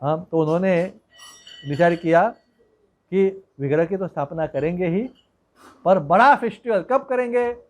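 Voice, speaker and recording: A man preaching a devotional story in a relaxed, conversational way, with digressions and hmm fillers. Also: sits high, a little slow, pauses often.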